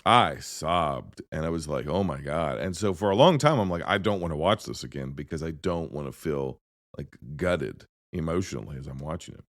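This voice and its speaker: A man's voice: rumbling low, normal speed, no echo, clean studio sound. A man hosting a podcast, chatting casually about films, rambling and cutting himself off as he tells stories. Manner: rambling, self-interrupting, animated storytelling. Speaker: podcast host. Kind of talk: casual movie chat.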